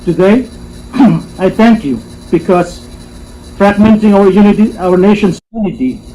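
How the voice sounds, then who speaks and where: A man speaking as a convention delegate, giving a formal closing speech with measured, emphatic repetition. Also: high-pitched, animated, warm tone, low-quality recording. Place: assembly hall. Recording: faint room noise, live stream.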